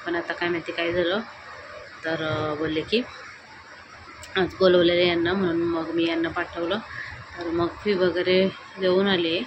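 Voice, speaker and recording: A young woman chatting casually for her home vlog, teasing and calling out loudly to her husband. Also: on the low side, level tone, a little slow, pauses often, muffled recording. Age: young adult. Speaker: vlogger. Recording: home recording with clear background noise.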